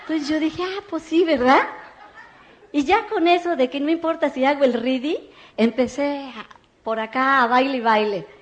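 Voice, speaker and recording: Lively woman telling a story. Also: high voice, normal speed. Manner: lively storyteller, acts out quoted voices. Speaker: network marketing speaker. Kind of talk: motivational testimony.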